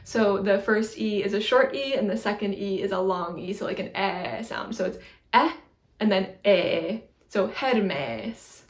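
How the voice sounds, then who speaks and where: A young video creator teaching Greek pronunciation explains it in a chatty, self-deprecating style, often laughing at herself in this casual explainer. Her medium-pitched voice stays fairly even at a moderate pace with few pauses, and the sound is reverberant.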